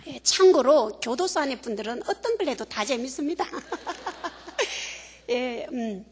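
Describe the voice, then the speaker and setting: A high-voiced woman giving a church testimony, playful and animated at times and soft and hushed at others. Her voice rings with a long reverb through a large hall. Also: measured pace, a little hiss or hum. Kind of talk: humorous then earnest testimony.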